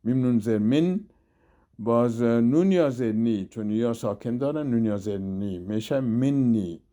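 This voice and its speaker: A man teaches Quran reading at a middle pitch. He names each letter and its vowel mark one by one, then slowly joins them into the whole word. His delivery is a patient spelling drill. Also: mellow. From Afghanistan. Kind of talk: spelled-out recitation lesson.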